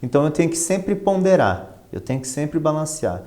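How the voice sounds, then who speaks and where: Very animated and brisk, a Brazilian interview guest, a finance professional and professor, speaks in a dark-toned voice on the high side. He explains conversationally with emphatic repetition and rhetorical questions.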